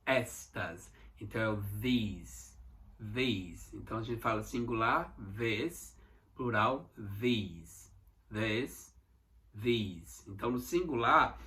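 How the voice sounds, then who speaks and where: A man from Minas Gerais with a Mineiro Brazilian Portuguese accent teaches English words in an online lesson, repeating each one slowly for pronunciation practice and checking in often with "tá?" His voice is mid-range with a sharp tone.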